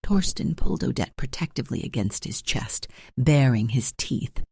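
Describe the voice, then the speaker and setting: A man narrating a paranormal romance audiobook in a steady, dramatic storytelling manner. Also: medium pitch, normal speed, gravelly, breathy edge, no room sound, studio quality.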